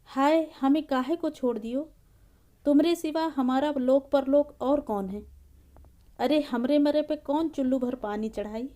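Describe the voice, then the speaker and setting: A woman's voice: high voice, a little slow, warm tone. A woman voicing a meek, lonely hunchbacked woman who pleads and murmurs shyly, in a storybook reading. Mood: wailing. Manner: pleading, bashful.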